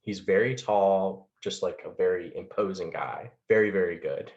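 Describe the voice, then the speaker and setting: A man's voice: low-pitched, fairly even intonation, moderate pace, a little mellow. A man casually recapping a movie plot with lots of fillers and laughs. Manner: rambling, many fillers and laughs. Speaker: podcast co-host. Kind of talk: casual chat about a film. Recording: dull lo-fi sound.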